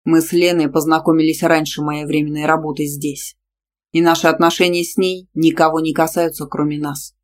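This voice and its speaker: A woman's voice: low voice, little pitch movement, brisk, close to an everyday voice. Woman reading a curt, threatening possessive man. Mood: stern. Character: possessive, domineering young male gym teacher.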